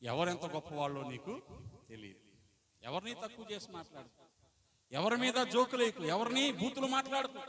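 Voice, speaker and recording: A male pastor preaching a Sunday sermon. He poses questions to the congregation and answers them, moving between loud, emphatic lines and quiet asides. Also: high-pitched, very animated, moderate pace, pauses often, a crowd in the background. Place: church service. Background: congregation sounds.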